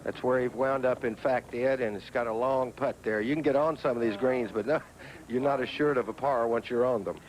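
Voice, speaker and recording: A man's voice: mid-range voice, fairly even intonation, fairly quick. A man giving conversational golf commentary as an analyst alongside a lead announcer. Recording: noisy outdoor broadcast, vehicle and ambient sound.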